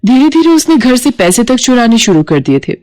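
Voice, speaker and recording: A woman giving scripted narration for a cartoon ghost story in an even, storytelling manner. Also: on the high side, a little fast.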